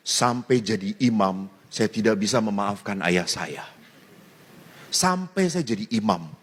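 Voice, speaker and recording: A man's voice: mid-range voice, breathy edge. A man who is a priest, giving a humorous sermon told as a story, laughing often as he speaks. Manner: animated, laughing while telling jokes. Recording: reverberant hall, faint ambience.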